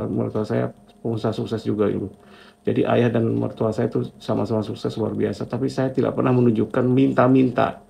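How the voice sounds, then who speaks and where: A man's voice: medium pitch, gravelly, a little mellow, a little hiss or hum. A middle-aged man telling his own story as a motivational testimony, reflective and repetitive, ending phrases with a casual filler. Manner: reflective, talks in short repeated phrases with a filler at each line end.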